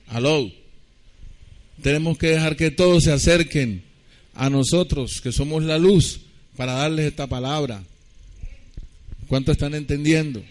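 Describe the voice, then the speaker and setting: A male pastor delivers a sermon in a church. He talks in a loose, conversational way, putting questions to the congregation and slowly spelling out words for them. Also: a little high, darkish tone.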